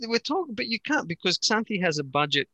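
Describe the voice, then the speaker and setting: An Australian-raised man talking football in a lively panel chat, emphatic and animated. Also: high voice, quick pace, no echo, rough recording. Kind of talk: casual sports chat.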